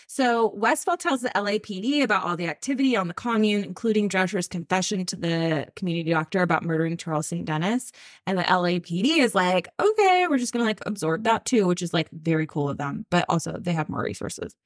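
A woman's voice: lowish voice, brisk. A woman co-hosting a podcast, telling a true-crime story in casual chat, giggling and swearing freely as she goes. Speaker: podcast co-host.

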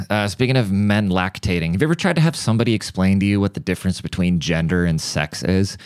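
A man's voice: low-pitched, clean tone, dry recording, clean studio sound. A young man hosting a podcast, telling crude, irreverent stories in a casual comic monologue. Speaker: podcast host.

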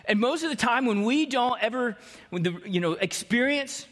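A male pastor giving a conversational sermon in a church hall, slowing and dropping low to stress his points. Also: animated, a bit bright.

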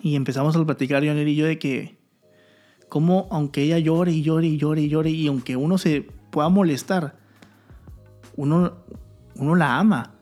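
Earnest young man, fairly high voice. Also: steady tone, normal speed, long pauses, a little mellow, soft background music. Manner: earnest, candid, talks straight to viewers. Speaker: vlogger, new father. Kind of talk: casual vlog talk to camera.

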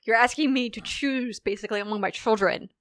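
A woman talking casually as a podcast guest, animated, with frequent laughs and quick asides. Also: on the high side, dry recording.

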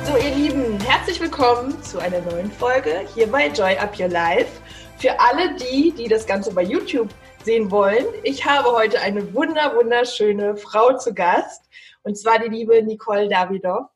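A woman's voice: a little high, normal speed, faint music behind. A woman hosting a podcast, welcoming her guest in an effusive, gushing way. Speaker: podcast host. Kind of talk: casual podcast interview.

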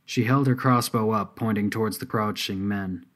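A man narrating a scripted story in a steady, measured way. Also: on the low side.

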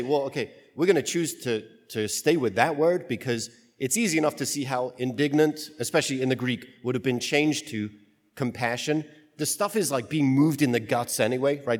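Casting: American male priest for liturgy and homily, medium pitch, voice ringing in long cathedral echo. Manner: casual, joking, loosely rambling in homily. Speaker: priest preaching at Mass. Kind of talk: liturgical reading and informal, conversational homily. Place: large reverberant church.

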